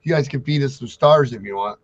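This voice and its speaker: A man with a mid-range voice talks briskly while co-hosting a trucking talk show. The banter is casual, rambling and blunt, with heavy swearing. The audio is dull and lo-fi.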